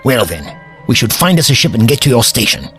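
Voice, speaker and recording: An actor playing a proud, fussy, forgetful old time-travelling Doctor in an audio drama, halting and grandly formal. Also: male voice, medium pitch, very animated, a bit bright, soft background music. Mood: decisive.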